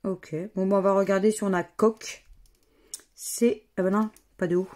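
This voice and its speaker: A woman's voice: medium pitch, little pitch movement, moderate pace, darkish tone. A woman, casually commenting as she scratches lottery tickets and spells out letters and words one by one. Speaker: scratch-card vlogger.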